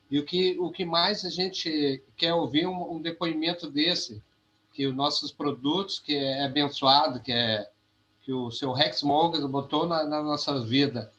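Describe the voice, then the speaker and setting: A man giving a heartfelt, halting testimony on a video call, often repeating his words. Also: fairly high pitch, sharp tone, lo-fi sound. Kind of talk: emotional testimony.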